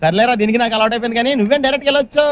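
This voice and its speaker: An actor playing a young fuel pump attendant who teases and cracks jokes. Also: male voice, extremely high pitch, racing, slight background noise. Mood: teasing. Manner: teasing, wisecracking. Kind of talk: film comedy dialogue.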